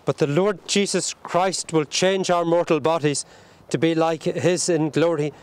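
A man leading a burial service outdoors at a cemetery, reciting the prayers in a solemn, measured way. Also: fairly high pitch, fairly even intonation, slight background noise. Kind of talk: liturgical graveside prayer.

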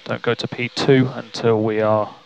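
A man working as race engineer, talking over team radio to a car on track. His voice is gravelly and sits at a middle pitch. He calls out gaps and instructions calmly and tersely. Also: moderate pace, faint music behind, low-quality recording. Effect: team radio to the driver's car.

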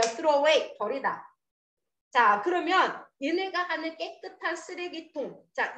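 In an echoey classroom, a woman with a high, slightly bright voice teaches an English lesson. She encourages her students along and drills them with questions.

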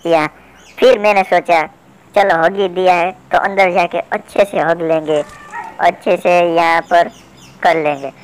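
A man's voice: high voice, fairly even intonation, measured pace, slight background noise, low-quality recording. A man giving comedic commentary over mobile game footage, playful and teasing, mock-polite toward the opponents he trolls. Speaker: gaming channel host.

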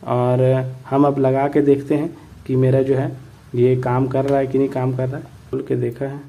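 A man explaining a repair step by step in a plain tutorial manner, often pausing to check in with viewers. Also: mid-range voice, level tone, phone-quality sound. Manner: plain explanatory, repeats "ठीक है" and "दोस्तों".

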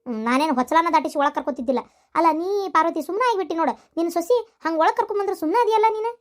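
A woman voicing a scolding mother-in-law in a cartoon, with a North Karnataka accent and a sharp, nagging way of talking. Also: very high-pitched, rapid-fire. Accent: North Karnataka Kannada.

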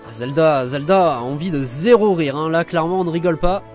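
A young man commenting on his gameplay as a let's play host, with excitable asides and frequent swearing. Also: a little high, fairly quick, faint music behind.

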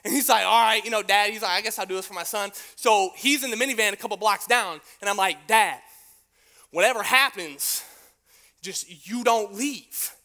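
A young man preaching a youth sermon in a casual, slangy style, telling an animated story that swings between hushed moments and excited shouting. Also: sits high, moderate pace. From United States. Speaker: youth pastor.

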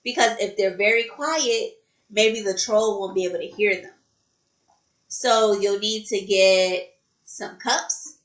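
A woman preschool teacher reading a story aloud expressively to children and explaining a craft activity. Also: mid-range voice. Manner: slow, expressive, talking to children. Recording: roomy echo.

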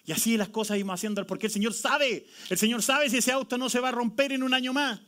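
A man preaching in church with a high, bright, ringing voice. He leads the congregation through scripture with lively, urgent energy, calling on them to repeat the verses aloud. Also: fast talker. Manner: lively preaching, calls on the congregation to read along. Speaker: pastor. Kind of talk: sermon.

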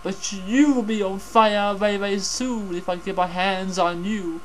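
Man putting on a high theatrical menacing villain. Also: steady tone, a little slow, a little hiss or hum, poor audio. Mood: gloating menace. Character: theatrical male mad-scientist villain, boastful and menacing.

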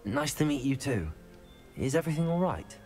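A man's voice: a little high, sing-song, normal speed, a little mellow, faint music behind. A man voicing a polite, earnest young wizard student in a video game, through a metallic, robotic filter. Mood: polite, curious. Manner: courteous, earnest.

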